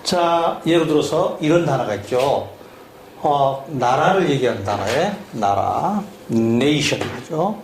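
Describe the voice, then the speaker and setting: Slow, methodical male teacher. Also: on the high side, lively intonation. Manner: drills slowly, syllable by syllable, asking questions. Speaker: English teacher. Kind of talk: classroom lesson on spelling by syllables. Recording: echoey room with faint hum.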